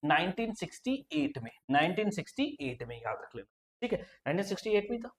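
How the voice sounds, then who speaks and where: A man's voice: sits high, big pitch swings, brisk. A male coaching teacher giving an exam-prep lecture, quizzing his students and repeating every answer. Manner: repetitive quizzing, keeps saying "okay" and "friend".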